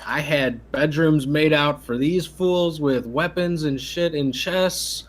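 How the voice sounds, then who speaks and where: A man co-hosting a casual gaming podcast, telling a story with excitement and casual swearing. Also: on the high side, takes it slowly. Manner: animated, swears casually, tells stories with excitement. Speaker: podcast co-host.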